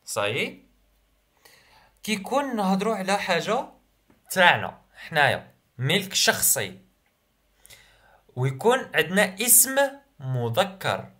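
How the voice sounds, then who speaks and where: Lively Algerian French teacher. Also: male voice, high-pitched. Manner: reads each sentence slowly, repeats it, then translates it. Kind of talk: primary school revision lesson.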